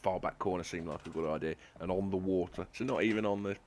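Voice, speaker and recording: A man's voice: low voice, fast, a little mellow, slight background noise. A man giving gameplay commentary in a sarcastic, self-mocking, rambling way, with a slight lisp from toothache. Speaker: gaming channel host.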